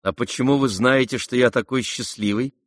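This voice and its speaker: A man voicing a gentle, earnest young prince. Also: medium pitch, fairly even intonation, fairly quick, no echo, clean studio sound, pitched above the performer's own voice, natural voice. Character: gentle, earnest young nobleman, mild and surprised. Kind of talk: audiobook character reading.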